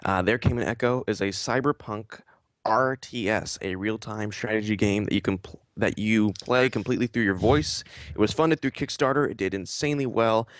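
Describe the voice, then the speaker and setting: A man hosting a casual live-stream interview, joking and relaxed. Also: fairly low pitch, normal speed, no echo, clean studio sound. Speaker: interview host.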